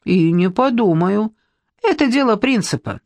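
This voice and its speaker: A storyteller voicing a shrill, touchy, unkempt man with a high squealing voice, indignant and self-pitying. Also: animated, unhurried, darkish tone, no echo.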